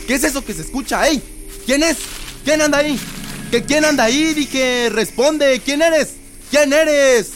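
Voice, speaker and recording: A young man with a Mexican accent acting a frightened young man who shouts and curses while searching for his brother in a radio drama. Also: high-pitched, unhurried, slight background noise. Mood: yelling. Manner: shouting, cursing, defiant. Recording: drama with loud music score.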